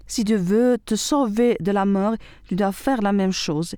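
A woman's voice: mid-range voice, a little slow, warm tone, clear, resonant tone, dry recording, studio quality, natural voice. A woman voicing a stern, wise old male prophet in a storybook who questions and warns.

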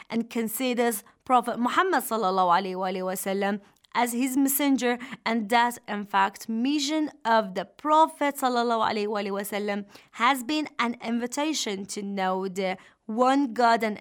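A woman radio host speaks in a fairly high voice. She presents a religious talk formally, explaining as a teacher would. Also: normal speed, smooth. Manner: formal, didactic.

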